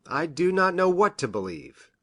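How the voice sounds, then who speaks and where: Reading from a detective audiobook, a woman voices a grave, hesitant country doctor, a troubled male witness. He speaks formally and precisely in measured sentences, his pitch rising and falling with liveliness, his mood troubled and serious.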